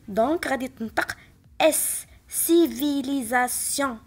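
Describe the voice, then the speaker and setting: A woman with a Moroccan Arabic accent teaches remotely in a high, clear voice. She takes each example slowly and spells it out with patience. Soft music plays faintly beneath her. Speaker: primary school teacher. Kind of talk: remote French spelling lesson explained in Arabic.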